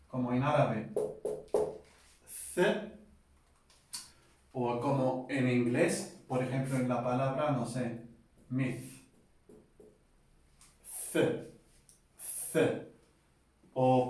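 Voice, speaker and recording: Man, unhurried casual teacher, heavy room echo, distant mic. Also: medium pitch. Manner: relaxed and chatty, checks in with "¿vale?" and repeats sounds slowly. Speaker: language teacher. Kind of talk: casual video lesson on pronunciation.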